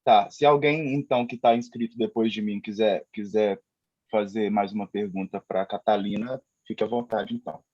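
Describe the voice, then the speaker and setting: A man's voice: fairly low pitch, fairly even intonation, moderate pace, a little mellow, dry recording, highs cut off. A man moderating an online academic panel who hesitantly hands over to the next question. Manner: hesitant, coordinating turns.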